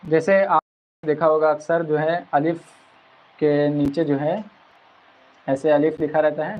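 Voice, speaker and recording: A man teaching a Quran reading lesson, explaining patiently and drawing out each sound slowly as he spells it. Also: on the high side, level tone. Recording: dull lo-fi recording.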